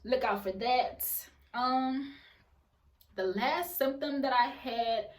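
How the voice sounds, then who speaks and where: A woman's voice: high-pitched, slow, recorded from a distance. A woman giving casual advice in a vlog, chatty and repeating phrases for emphasis. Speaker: vlogger. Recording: roomy echo, voice away from mic.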